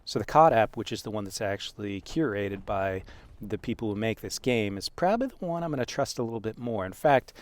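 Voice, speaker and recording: A man casually telling a story as gaming commentary, reading out messages in an amused, halting way. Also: on the low side, lively intonation. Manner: amused, chuckling, halting with frequent asides. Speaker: gaming video creator.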